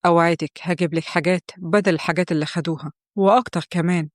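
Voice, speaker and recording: A woman voicing a young married man, a gentle and dutiful son, pleading softly in Egyptian Arabic. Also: lowish voice, steady tone, very fast, no echo, studio quality, lightly acted. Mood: apologetic. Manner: soft, pleading, placating.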